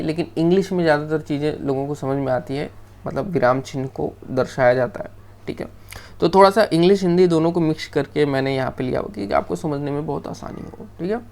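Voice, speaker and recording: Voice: mid-range voice, gravelly, a little mellow. A teacher giving a screen-shared grammar lesson, explaining step by step in a loose, off-the-cuff way and often checking in with the class. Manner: loose, off-the-cuff delivery with restarts.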